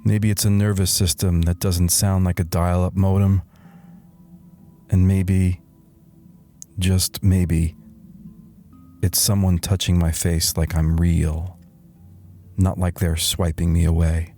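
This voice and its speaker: Man playing Lloyd Dobler, slow deep meditation guru. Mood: wry, reflective. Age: middle-aged. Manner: deadpan, slow, soothing delivery with deliberate pauses. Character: middle-aged wry, weary slacker turned satirical meditation guru. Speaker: meditation guide. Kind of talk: satirical guided meditation narration over music. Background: soft background music.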